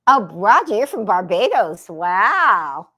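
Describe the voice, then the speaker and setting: Livestreaming from her home art studio under daylight lamps, a spiritual artist from the San Francisco Bay Area paints and chats casually with viewers, drifting between her canvas and their comments. Her mid-range voice is bright and forceful, very animated, yet she takes it slowly.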